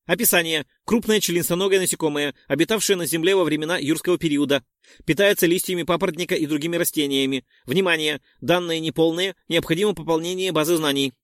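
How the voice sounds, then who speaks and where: A man's voice: on the high side, fast talker, dry recording, studio quality, voice pushed up, natural voice. A man voicing a scanner system that announces data in clipped phrases. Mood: detached. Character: scanner system, detached and informational.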